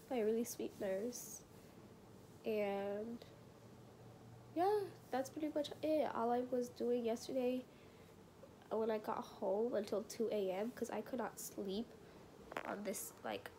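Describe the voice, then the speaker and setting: A young woman from California rambles through a relaxed personal vlog update, her voice a little high and full of "um" and "like." Recovering after surgery, she sounds a bit congested and sometimes whispers. A faint hum of room ambience sits behind her.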